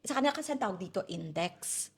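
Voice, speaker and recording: A woman teacher from the Philippines with a loud, strong voice, chatting in an interview, lively, laughing easily and mixing English into her talk. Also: medium pitch, quick pace, vocal fry, husky. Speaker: teacher guest. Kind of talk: casual interview chat.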